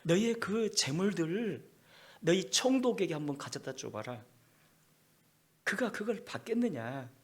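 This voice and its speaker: A man's voice: high voice, animated, a little slow, long pauses, exaggerated voice. A male pastor voicing an angry God who rebukes his priests with repeated, thundering demands. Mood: wrathful rebuke.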